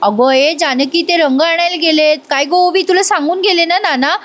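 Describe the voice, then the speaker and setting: A woman voicing a distraught, confused elderly widowed mother who wails and insists loudly. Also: high-pitched, normal speed, close to an everyday voice. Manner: loud, wailing, insistent.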